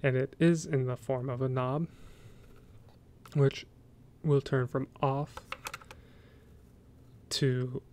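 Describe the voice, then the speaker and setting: An American man hosting a soft-spoken ASMR show-and-tell, talking in a casual, rambling, hesitant way. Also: medium pitch, a little hiss or hum. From United States. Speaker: ASMR video host.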